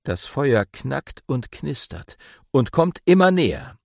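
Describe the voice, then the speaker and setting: A man reading a children's audiobook aloud with expressive, playful storytelling. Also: mid-range voice, takes it slowly, gravelly, no room sound, studio quality. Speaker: audiobook narrator.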